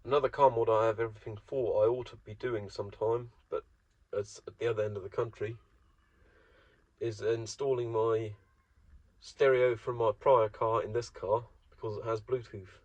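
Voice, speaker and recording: A man's voice: lowish voice, steady tone, moderate pace, dry recording. A man from Germany talking to himself in a rambling, wry, self-mocking solo monologue. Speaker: solo vlogger. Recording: dull, dry close recording.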